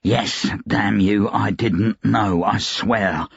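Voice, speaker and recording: A man's voice: on the low side, fairly even intonation, extremely slow, gravelly, breathy edge, dry recording, muffled recording, heavily acted. A man voicing a tired, worn-out male investigator and father who speaks in short, strained replies. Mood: weary.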